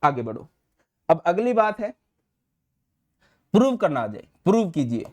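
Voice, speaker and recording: A man giving an online chemistry class, chatty and friendly with students, mixing terms into his speech and slowing down to dictate notes. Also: high voice, big pitch swings. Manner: chatty, addresses students as beta and bhai, mixes English terms into Hindi; slows to dictate notes word by word. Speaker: chemistry teacher.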